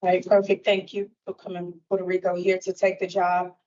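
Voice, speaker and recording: A woman moderating a recruitment event, upbeat and quick to say "perfect" between speakers. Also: on the low side, completely flat delivery, darkish tone, recorded from a distance. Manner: upbeat, says "perfect" often. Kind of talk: casual public talk. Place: meeting room. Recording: echoey, muffled room from afar.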